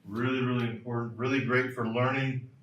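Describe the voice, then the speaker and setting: A man's voice: medium pitch, flat delivery, brisk, fairly bright tone, distant mic, dull audio, a little hiss or hum. A man coaching throwers in a clinic lecture, emphatic and repeating key points, in a lecture hall. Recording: roomy lecture hall from afar.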